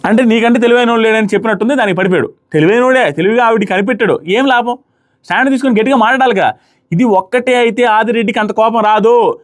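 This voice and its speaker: A man's voice: very high-pitched, quick pace. A young man giving casual, opinionated commentary as a reality show reviewer, emphatic and full of rhetorical questions.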